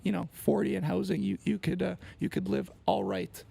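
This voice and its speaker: A man's voice: sits high, sing-song, normal speed, gravelly, dark tone, breathy edge. A man in his twenties, a co-host who plays pro soccer, chatting casually and laughing between points. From Canada. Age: 20s. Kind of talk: casual chat.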